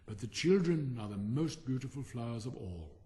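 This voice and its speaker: A man's voice: mid-range voice, expressive, moderate pace, mellow, close to an everyday voice. A man voicing a big, remorseful giant who is tender and protective, from a storybook. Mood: wistful, fond. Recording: long hall-like reverb.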